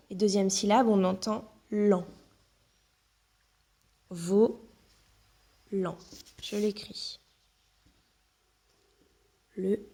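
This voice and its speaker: A woman teacher giving a phonics lesson to young children, spelling out words and syllables slowly and clearly. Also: medium pitch, warm tone. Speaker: primary school teacher.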